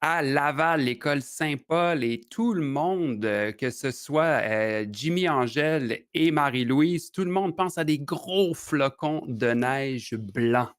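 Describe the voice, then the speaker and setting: A man moderating a school video call, reading out the list of participating classes in an unhurried way. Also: a little high, clean tone, dry recording, studio quality. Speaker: workshop moderator.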